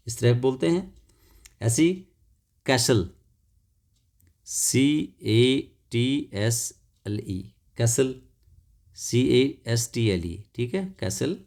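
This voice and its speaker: Male teacher, unhurried lesson delivery, spells words out letter by letter, mid-range voice, keeps checking for understanding. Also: mid-range voice, creaky, darkish tone. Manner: repeats words and adds "theek hai" checks. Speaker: English teacher. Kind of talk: classroom lesson explanation.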